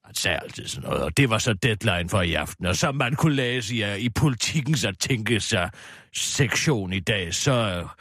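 A vain older woman TV host, fond of drink and easily slighted, as a man plays her in a radio comedy sketch. She rambles on in a petulant, indignant tone, her pitch swinging widely before dropping into a low grumble. The recording is close and dry. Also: expressive, a bit bright, slightly rough, dry recording, heavily acted. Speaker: radio show regular.

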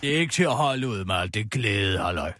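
A man's voice: fairly low pitch, lively intonation, over loud music, close to an everyday voice. A man playing a grumpy, pessimistic middle-aged woman who rants scornfully and swears a lot in a radio comedy sketch. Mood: ranting. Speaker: comic radio character.

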